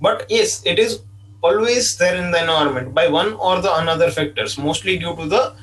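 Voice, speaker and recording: A man's voice: high-pitched, normal speed, fairly bright tone. A man giving an online engineering lecture, explaining patiently and repeating himself, with frequent "okay" fillers. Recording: distant mic sound.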